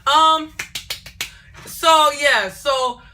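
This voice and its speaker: A young woman telling a casual storytime on her vlog, animated and digressive, often repeating herself. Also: high-pitched, extremely slow, slight background noise. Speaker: vlogger.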